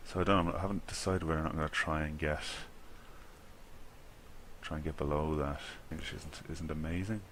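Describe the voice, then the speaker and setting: With a rumbling low, slightly bright voice, this man from Ireland talks fairly quickly in a steady tone, pausing often. He's a gaming video creator chatting casually to himself mid-game, rambling and chuckling at his errors, with slight background noise.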